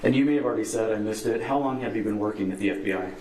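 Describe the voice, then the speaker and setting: A man with a fairly low voice asks formal, polite questions as a prosecutor. It is a courtroom recording with plenty of room echo. A steady noise sits clearly behind his voice. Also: very fast.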